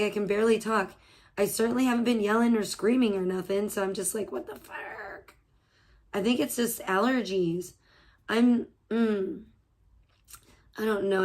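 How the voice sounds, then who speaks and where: Livestreaming from home, a woman in her thirties chats loosely with viewers in a medium-pitched, slightly hoarse voice, swearing freely between laughs.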